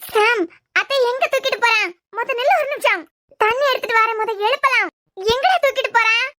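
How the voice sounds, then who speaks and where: A woman's voice: extremely high pitch, fairly quick, bright, forceful tone, no echo, clean studio sound, pitched above the performer's own voice. A woman voicing an alarmed young woman in a cartoon series, urgent and protesting, with a Kanyakumari Tamil accent. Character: anxious young woman, the son's bride-to-be. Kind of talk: cartoon web series voice acting.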